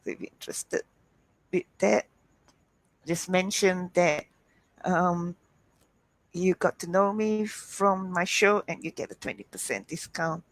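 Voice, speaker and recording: Slow, hesitant woman hosting online. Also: fairly low pitch, expressive. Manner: hesitant, meandering. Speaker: healer hosting an online show. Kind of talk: informal chat to online audience.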